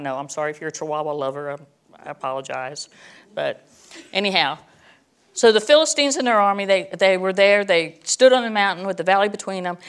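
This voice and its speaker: A middle-aged woman teaching a Bible lesson in a chatty sermon style, reading verses and adding joking, self-deprecating asides. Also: on the low side.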